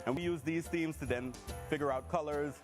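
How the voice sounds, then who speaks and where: A man's voice: on the high side, fairly quick. A man speaking as a hotel executive in interview soundbites. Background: music.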